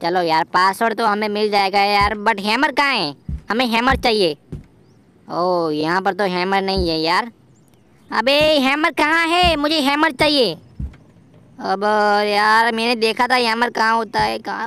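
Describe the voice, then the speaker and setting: [name], a man voicing an excitable young game hero. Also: high-pitched, unhurried, clear, resonant tone, full character voice. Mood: excited. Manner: excited, chatty, full of exclamations. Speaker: gameplay commentator voicing a character. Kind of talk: playful gameplay voiceover dialogue.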